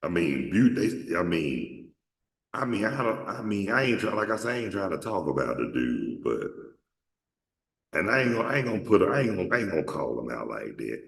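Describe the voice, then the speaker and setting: Very animated, fairly quick and creaky, this deep-voiced man from Atlanta, Georgia hosts a show. He rambles through a casual, profane storytelling monologue, restarting often, in an echoey room with a distant mic.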